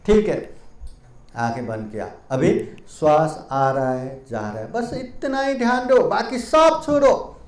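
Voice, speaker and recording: A monk voicing a soft, serene Buddha. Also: male voice, sing-song. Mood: gently guiding. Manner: soft, low and gentle, slow and reassuring. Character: calm patient Buddha teaching meditation, man. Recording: echoey hall room.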